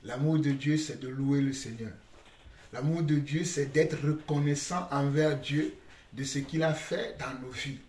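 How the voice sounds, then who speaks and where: A man's voice: medium pitch, steady tone, unhurried, a little mellow. A middle-aged man, a father leading family worship, speaking earnestly and repeating his phrases as he exhorts his children. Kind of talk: family devotional talk. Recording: echoey room, distant mic, music behind.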